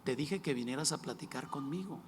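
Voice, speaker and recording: A man quoting a gentle, patient inner divine voice, speaking it softly and calmly. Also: a little fast, slight background noise, close to an everyday voice. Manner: soft, calm and low. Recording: echoey hall with faint ambience.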